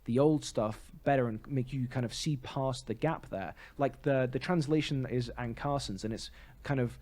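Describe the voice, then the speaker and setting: Medium in pitch with a darkish tone, a man talks at a moderate pace while co-hosting a podcast. The conversation is a casual theatre discussion full of his articulate opinions.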